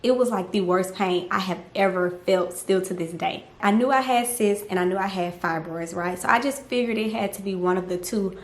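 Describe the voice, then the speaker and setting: A woman's voice: mid-range voice, normal speed, few pauses. Chatty woman in an echoey room. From Louisiana. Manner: chatty, animated, speaks to viewers as girlfriends. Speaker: mom vlogger. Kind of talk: casual storytelling to camera.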